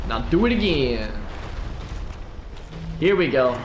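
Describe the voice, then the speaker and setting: A man giving playful, animated commentary while playing a video game, with sing-song asides. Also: mid-range voice, slow pace, roomy sound, background noise. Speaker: gameplay streamer. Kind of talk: casual gameplay commentary.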